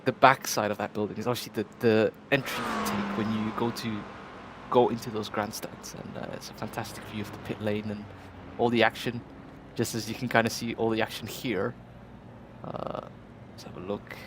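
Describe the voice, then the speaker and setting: A male race commentator giving measured, analytical live commentary, pausing often with "uh". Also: on the low side, level tone, gravelly. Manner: measured, analytical, many "uh" pauses. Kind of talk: live sim racing commentary. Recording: loud background noise.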